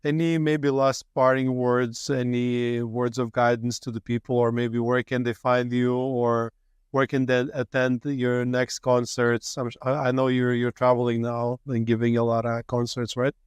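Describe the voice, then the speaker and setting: A man from Latvia hosts a podcast interview, chatting in a relaxed, casual way with many fillers. His voice is smooth and fairly flat in pitch. It is recorded close and dry. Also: measured pace, dry recording. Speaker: podcast host.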